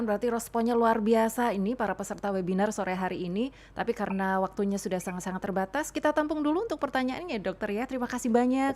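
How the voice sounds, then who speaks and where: A woman's voice: fairly high pitch, darkish tone. An Indonesian woman moderating a webinar in a polite, formal hosting style.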